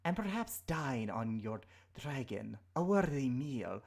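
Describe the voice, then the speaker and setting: A menacing serpent-headed humanoid played by a man at a game table speaks in a breathy, whispered snake voice. The delivery is slow and formal, with a haughty threat in it and a lot of movement in pitch. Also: very animated, darkish tone, full character voice. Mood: haughty, threatening.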